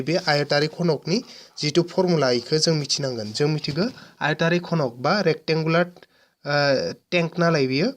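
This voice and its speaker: A male math teacher giving an exam-prep lesson, patiently explaining and asking questions that he then answers himself. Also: on the high side. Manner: poses questions and answers them himself step by step.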